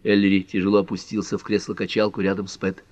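A man narrating an audiobook in a measured storytelling manner, acting out each figure. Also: lowish voice, monotone, darkish tone, no room sound. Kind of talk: scripted narration. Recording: dry, slightly dull lo-fi audio.

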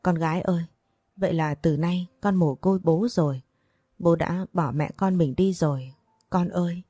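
A woman's voice: fairly low pitch, moderate pace, dark tone, slightly rough, dry recording, clean studio sound, faint music behind. A woman voicing a young widowed mother who wails in despair in a storybook reading. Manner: wailing, despairing.

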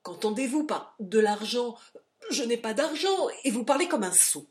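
A woman's voice: on the high side, very animated, normal speed, voice pushed up. A woman doing a panicky young American man. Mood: agitated. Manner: agitated, loud outbursts.

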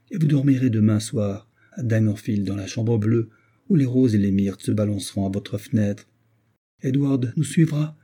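A man voicing an older, fussy, motherly gentlewoman who talks in an effusive, doting way. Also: lowish voice, husky.

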